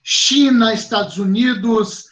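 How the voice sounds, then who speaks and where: A man with a Rio Grande do Sul accent teaching a class, lively and chatty, speaking straight to his students. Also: sits high, takes it slowly. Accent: southern Brazilian, Rio Grande do Sul. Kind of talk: online class talk to students.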